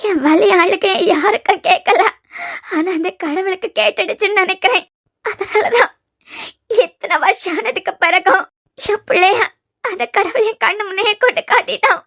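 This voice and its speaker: A woman's voice: extremely high pitch, moderate pace, a bit bright. A woman voicing an older mother in a cartoon series who tearfully begs her son's forgiveness, with a Kanyakumari Tamil accent. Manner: pleading, tearful, repetitive. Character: grieving elderly mother begging her lost son's forgiveness. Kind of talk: cartoon web series voice acting.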